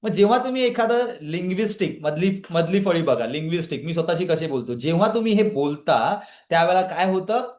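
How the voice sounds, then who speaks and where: Higher-voiced male trainer, echoey room. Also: a little fast, hardly any pauses. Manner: energetic motivational talk, questioning the audience, often addressing a live chat. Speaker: trainer leading a women's empowerment session. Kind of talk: live online coaching session.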